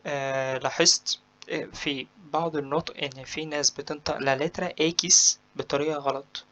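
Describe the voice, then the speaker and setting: A man with an Egyptian Arabic accent teaching a Spanish pronunciation lesson. He speaks slowly and carefully, draws out syllables when he demonstrates words, and often pauses with "aah". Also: fairly high pitch, steady tone, pushed and bright. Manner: frequent hesitant "aah" fillers.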